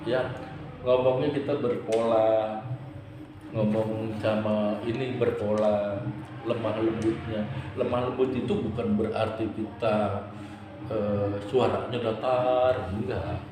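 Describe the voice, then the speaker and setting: A man preacher giving a religious study lecture, playful and lively, sometimes acting out quarrelsome vendors. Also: lowish voice, slow, noisy background. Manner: lively rising and falling intonation. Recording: very echoey hall.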